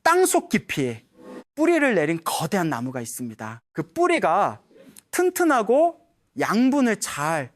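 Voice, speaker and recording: A man, presented as a Buddhist monk, gives scripted spiritual advice, coaxing and persuasive, speaking straight to the listeners. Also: sits high. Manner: lively, swooping intonation.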